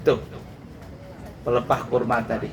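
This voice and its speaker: A man preaching a sermon, telling a story in a lively, dramatic way and addressing the congregation directly. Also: mid-range voice, moderate pace, background noise.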